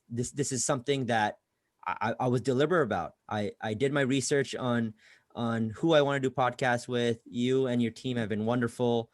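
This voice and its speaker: A man's voice: mid-range voice, dry recording, studio quality. Casual man with frequent restarts. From Bangladesh, raised in California. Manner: casual, repeats words when starting sentences. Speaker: guest, career coach. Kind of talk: conversational podcast interview.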